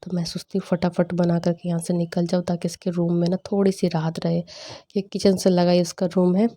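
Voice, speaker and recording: A young woman in casual voice-over narration for a home vlog, chatty and animated as she retells family banter. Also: lowish voice, fairly quick. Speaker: vlogger.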